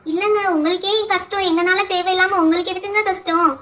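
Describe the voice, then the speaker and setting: A woman's voice: very high-pitched, fairly even intonation, a little fast, fairly bright tone. A woman voicing a grieving village mother who has lost her home, lamenting and pleading in a doll pretend-play show. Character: grieving village mother, homeless after rain.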